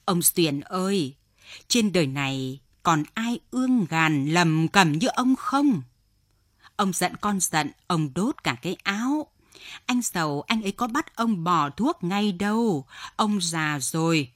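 A woman's voice: medium pitch, expressive, dry recording, clean studio sound. Woman doing a tearful pleading old wife. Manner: slow, coaxing, pleading.

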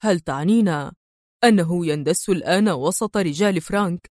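An eager, curious man asks earnest questions as a woman reader voices him, a little lower than her narration. Her delivery stays close and dry, with no room sound. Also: expressive, brisk, warm tone, no echo, natural voice.

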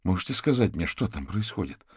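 Man reading a worried female negotiator, urgent, husky, audiobook. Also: low-pitched, very animated, brisk, no echo, clean studio sound, heavily acted. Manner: anxious, urgent. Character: tense female police negotiator on phone.

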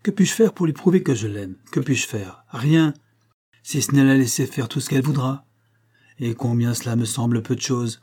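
A man reading an audiobook, voicing a hearty, impulsive young country gentleman devoted to his wife. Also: mid-range voice, normal speed, breathy edge, natural voice. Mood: fervent.

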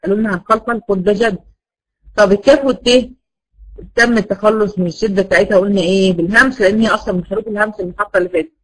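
Fast-talking Egyptian woman teacher. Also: mid-range voice, poor audio. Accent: Egyptian Arabic. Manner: asks the class rhetorical questions and answers them. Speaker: Quran recitation teacher. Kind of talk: classroom lesson.

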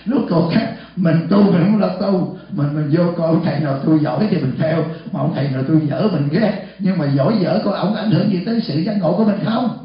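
Senior monk preaching to a live audience; raised pitch, big hall echo, muffled recording. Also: male voice, a little fast, few pauses. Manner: lively, asks the audience questions and acts out short dialogues. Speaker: senior monk giving a dharma talk. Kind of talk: sermon. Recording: echoey hall, dull lo-fi sound.

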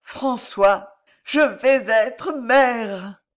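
A man voicing a tender, devoted young woman in a read-aloud novel, speaking softly and hesitantly with fervent feeling. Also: high voice, takes it slowly, voice pushed up.

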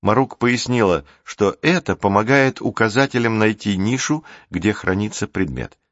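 A man narrating an audiobook calmly and evenly, in a dry, dull recording. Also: fairly low pitch, moderate pace, dry recording. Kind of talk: scripted narration.

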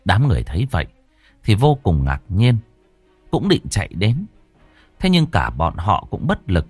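A man narrating a horror story in an expressive, theatrical way. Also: fairly low pitch, moderate pace, breathy edge, no room sound, faint music behind.

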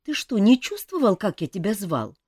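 A woman's voice: medium pitch, wildly swooping pitch, normal speed, warm tone, husky, no echo, studio quality, pitched above the performer's own voice. A woman voicing a glum, hungover young male elf prince who sighs and complains plaintively. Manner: plaintive, sighing.

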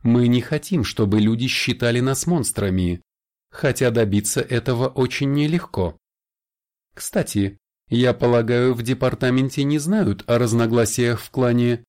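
A man's voice: mid-range voice, normal speed, a little mellow, voice pushed up, close to an everyday voice. A man voicing a sly, smirking male vampire elder who speaks in a raised, confiding voice in an audiobook. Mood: smug confiding.

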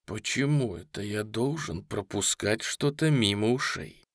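A man voicing a menacing, cold young male gunman in an audio story, who talks coarsely and sometimes drawls slowly. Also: mid-range voice, lively intonation, fairly bright tone, no room sound, clean studio sound, close to an everyday voice.

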